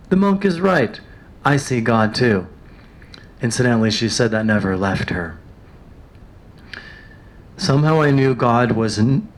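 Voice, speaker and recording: A man reading passages aloud and retelling them in his own words, pausing with fillers, his throat a little dry. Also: fairly low pitch. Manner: reads quoted passages, then paraphrases with pauses and fillers. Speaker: reader of a biography.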